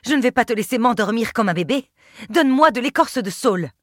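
A woman's voice: expressive, fast, a bit bright, dry recording, clean studio sound. A woman reading an audiobook, voicing a cruel, haughty queen who taunts and commands in a raised, mocking voice. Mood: furious. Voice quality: sneering, shrill when angry. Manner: taunting, imperious. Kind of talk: audiobook character voice.

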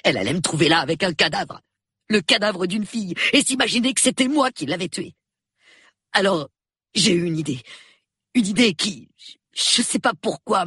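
A man reading an audiobook, voicing a nervy, sulky young artist who talks in a rushed, shaky, sullen way. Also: a little high, bright, forceful tone, husky, no echo, studio quality, pitched above the performer's own voice, full character voice. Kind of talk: audiobook character voice.

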